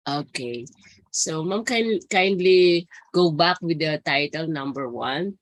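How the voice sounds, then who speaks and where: Low, hoarse woman adviser, dry sound. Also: lively intonation, slow, no room sound. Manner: polite and deferential, addressing others as ma'am. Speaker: academic adviser reviewing proposals. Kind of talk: questioning a presenter on a video call.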